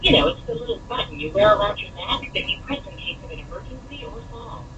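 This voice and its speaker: A woman on a recorded phone message, reading a scripted sales pitch that ignores the caller's replies. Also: expressive, fast. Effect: recorded phone message played over a speakerphone. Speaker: telemarketing caller. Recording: distant noisy phone line.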